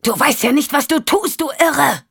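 A woman's voice: on the high side, very animated, moderate pace, slightly rough, voice pushed up. A woman voicing a cornered adult male pilot in an audiobook, speaking urgently and insistently. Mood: shouting. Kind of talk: audiobook character voice.

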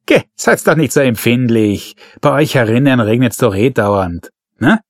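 A man's voice: medium pitch, lively intonation, a little slow, dry recording, clean studio sound. A man voicing a brash, boorish police colonel with an Austrian accent, mocking and barking his lines.

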